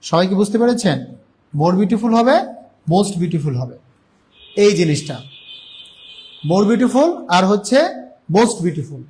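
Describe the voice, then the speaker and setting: A young man with a Bangladeshi Bengali accent, teaching English grammar in a live online class. He keeps asking questions and answering them himself, and he draws out English example words slowly. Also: sits high, animated, a little mellow, a little hiss or hum.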